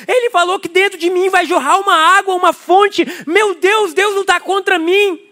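Guy doing a very high excited bible-story woman, brazilian accent, words tumbling out. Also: normal speed, full character voice. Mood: amazed. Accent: Brazilian Portuguese.

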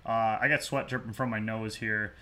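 Bright-voiced young man hosting a sports podcast. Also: on the low side, steady tone, moderate pace. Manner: loose, profane, self-mocking. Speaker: podcast host. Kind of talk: casual sports podcast chat. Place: hot home garage.

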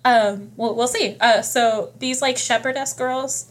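A young woman with a rather high voice tells history stories on a podcast. She rambles through loose, profane asides thick with fillers, chatting casually with her host. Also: fairly even intonation, unhurried. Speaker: podcast guest. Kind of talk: casual storytelling chat.

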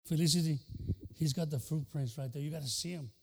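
Older pastor preaching passionately in a hall. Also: male voice, fairly high pitch, normal speed, vocal fry, slightly rough. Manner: impassioned, switching between Spanish and English. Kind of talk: bilingual sermon.

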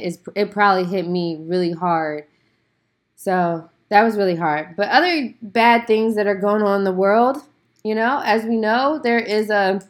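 A woman hosting a casual solo podcast, talking in an emphatic, indignant, slangy and conversational way. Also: mid-range voice. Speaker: podcast host.

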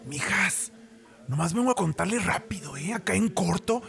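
A woman putting on the voice of a sly, gossipy auntie, whispering secrets in a hushed Mexican-accented voice. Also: fairly low pitch, expressive, moderate pace, gravelly. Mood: secretive.

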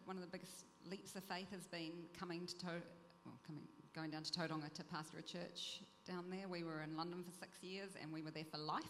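A woman's voice: fairly low pitch, steady tone, fairly quick, hardly any pauses, a bit bright, in a large hall, slight background noise. A woman pastor giving a candid, self-deprecating testimony. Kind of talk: testimony talk.

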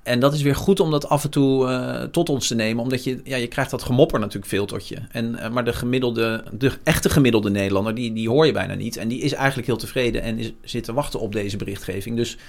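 A man in his forties with a gravelly, slightly rough voice, speaking as a news journalist in a relaxed interview. He talks frankly and reflectively, with frequent hesitations as he gathers his thoughts, at a mid pitch. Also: fast, hardly any pauses. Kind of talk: candid interview conversation.

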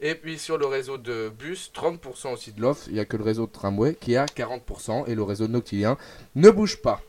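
A young man hosting a live radio show, announcing segments and running a quiz in a lively, animated way with fillers. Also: medium pitch, a little fast, a little hiss or hum.

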